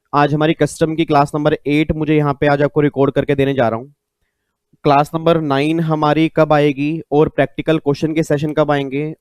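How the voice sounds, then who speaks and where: A man's voice: on the high side, darkish tone, smooth, dry recording. Chatty man tutoring, dry close sound. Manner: chatty, repeats key points, mixes English terms. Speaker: tax tutor. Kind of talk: online exam-prep lecture.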